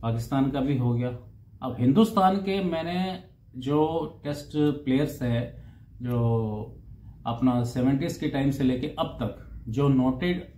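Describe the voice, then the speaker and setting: Mellow-voiced man reciting cricket stats. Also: mid-range voice, slight background noise. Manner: reads out figures, repeating numbers in Hindi and English; unhurried, with hesitations over names and numbers. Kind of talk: casual talk. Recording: roomy echo with faint ambience.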